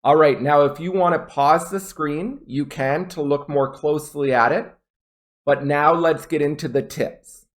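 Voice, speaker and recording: Teaching an online English test lesson, a man with a slightly high voice speaks clearly and deliberately, exaggerating rising intonation to demonstrate it.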